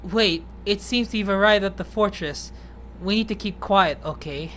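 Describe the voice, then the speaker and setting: A woman playing a petite young male yokai in a game read-through, timid and gentle. He speaks in a shy, halting way at a middling pitch. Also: a little hiss or hum, close to an everyday voice. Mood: hesitant.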